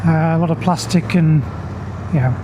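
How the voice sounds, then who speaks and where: A man's voice: a little high, normal speed. A man giving casual, understated motovlog commentary as he rides a motorcycle, musing aloud into a helmet microphone. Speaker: motorcycle reviewer. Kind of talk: casual spoken motovlog commentary while riding. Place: outdoors, riding a motorcycle on the road. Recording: noisy outdoor ride, engine and road noise.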